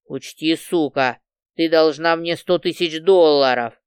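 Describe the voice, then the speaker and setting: A furious, crude male gangster snarls threats and insults, as a woman narrator puts him on. The voice is dropped lower and pushed loud. The reading is smooth, clear and dry. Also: measured pace, dry recording. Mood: angry threats. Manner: snarling, swearing.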